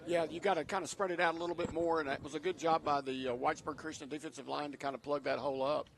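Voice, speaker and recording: A man giving folksy color commentary on a high school football radio broadcast. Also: level tone, racing, creaky. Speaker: color analyst. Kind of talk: casual radio sports analysis.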